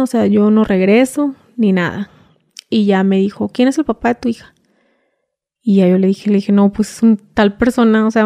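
Gravelly Mexican woman recounting an ordeal. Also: fairly high pitch, warm tone, no echo, studio quality. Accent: Mexican Spanish. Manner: retells events through quoted back-and-forth dialogue, often 'le dije'. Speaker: guest telling her story. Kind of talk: conversational first-person account.

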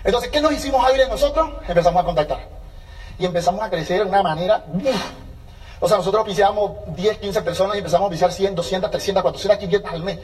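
A man speaking at a business seminar in an energetic, motivational way, acting out little dialogues as he goes. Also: high-pitched, fast, far from the mic. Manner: energetic, acts out dialogues with changing voices.

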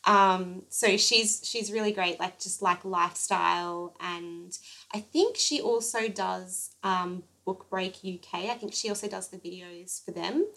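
Young woman, Queensland Australian accent, gravelly fry, chatty podcast co-host, casual chat. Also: fairly low pitch, unhurried, bright, forceful tone. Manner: chatty, laughs often, many fillers.

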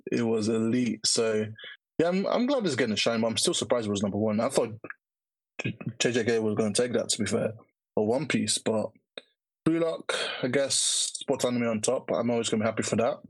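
A male podcast host speaks in a slangy urban London roadman accent. His pitch is average for a man and he chats casually, recorded dry without room echo. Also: fairly quick, slightly rough.

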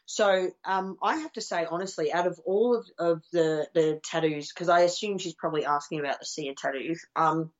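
A woman's voice: lowish voice, normal speed, few pauses, dull audio. A woman co-hosting a podcast in casual chat, rambling with lots of fillers and the odd swear. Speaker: podcast co-host.

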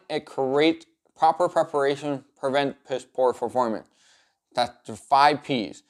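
A man coaching viewers in an upbeat, encouraging vlog style, laying out tidy instructional points and repeating some for emphasis. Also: fairly high pitch. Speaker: self-improvement coach presenting a video series. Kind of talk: structured advice vlog talking to viewer.

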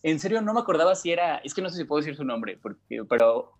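A man's voice: a little high, sing-song, fast talker. A young man with a Mexican accent, co-hosting a casual podcast, rambling through self-mocking stories in slang. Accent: Mexican Spanish. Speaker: podcast co-host. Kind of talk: casual chat.

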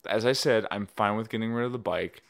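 A man's voice: fairly low pitch, a little fast, creaky. A man co-hosting a podcast, chatting casually with his wife in a dry, self-deprecating, rambling way. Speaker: podcast co-host.

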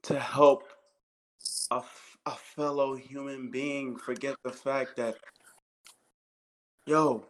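A fairly low-pitched American man in his thirties co-hosts a podcast, and the audio quality is poor. His talk is casual yet impassioned: emphatic, repetitive and full of swearing.

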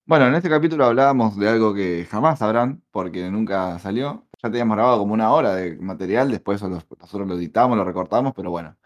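A man with a Rioplatense accent talks in a lowish voice, teasing his co-host and cursing freely. The tone is loose, casual podcast banter. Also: fast talker, hardly any pauses, dull audio. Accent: Rioplatense Spanish. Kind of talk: casual chat.

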